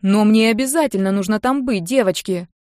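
A woman's voice: a little high, animated, normal speed, no room sound, studio quality, pitched above the performer's own voice, natural voice. A woman voicing a flighty grown man, an artist father who pleads and apologizes to dodge his duties. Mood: pleading. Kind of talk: audiobook character voice.

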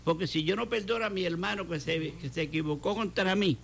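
A man's voice: sits high, fairly quick, gravelly, a bit bright. An older man with a Puerto Rican Spanish accent, a pastor giving a fervent testimony and repeating his phrases for emphasis. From Puerto Rico. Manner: fervent, repeats phrases, acts out quoted dialogue. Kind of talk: preaching testimony in a talk show.

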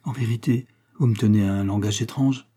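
A man's voice: on the low side, steady tone, a little fast, dark tone, lightly acted. A man playing a heartbroken young suitor. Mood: passionate imploring. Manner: passionate, imploring.

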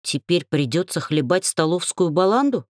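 A woman's voice: fairly low pitch, animated, normal speed, dry recording, clean studio sound, natural voice. A woman voicing a short, cocky half-gnome young man who bickers and lectures his friends in a storybook reading. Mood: teasing.

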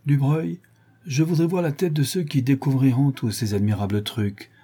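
A man reading a cocky, playful gentleman burglar with theatrical, mocking flourishes. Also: mid-range voice, steady tone, normal speed, husky, voice pushed up. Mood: scheming.

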